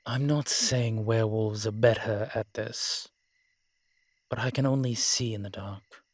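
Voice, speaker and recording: A man with a lowish voice speaks a little slowly, with no echo, as an old, proud vampire tired of the world in a one-sided audio roleplay drama. His talk is wry and haughty, full of antiquated fancy words, in a grumbling, watchful mood.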